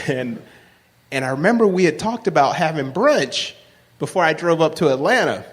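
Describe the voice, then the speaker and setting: A man with a loud, projecting voice, telling a personal story on stage and acting out the dialogue. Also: fairly high pitch, moderate pace. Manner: animated, acts out dialogue in raised voices. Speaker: live storyteller. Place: stage in a large hall. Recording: live recording with long hall reverb.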